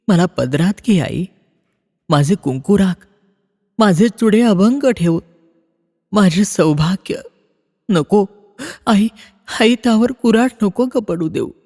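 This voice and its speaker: A man's voice: high-pitched, lively intonation, slow pace, long pauses, darkish tone, voice pushed up, heavily acted. A man voicing a devout mother who prays desperately for her husband's life, in a storybook reading. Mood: desperate pleading. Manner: pleading, tearful prayer. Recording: long reverb.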